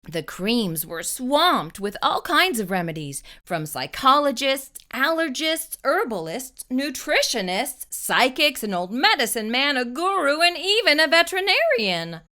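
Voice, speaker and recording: Woman for children's read-aloud: higher voice, unhurried, expressive storybook delivery with deliberate pauses.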